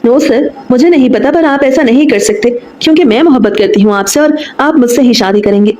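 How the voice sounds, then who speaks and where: A jealous young rival from a romance storybook, pleading and demanding by turns, read by a woman narrator. Her voice runs fairly high. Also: a little fast, mellow, natural voice, poor audio. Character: jealous young woman office worker, pleading then threatening.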